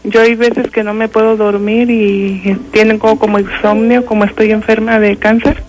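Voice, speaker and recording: A woman's voice: medium pitch, little pitch movement, a little mellow, faint music behind, rough recording. Hesitant older Mexican woman caller. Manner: halting, full of fillers and restarts. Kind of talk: telling a ghost story on a radio call-in.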